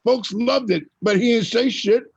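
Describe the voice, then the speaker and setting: A man's voice: very high-pitched, normal speed, vocal fry, slightly rough, no echo, highs cut off. An older man hosting an open mic, telling stories in an earthy, emphatic way to a group. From USA. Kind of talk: casual group talk.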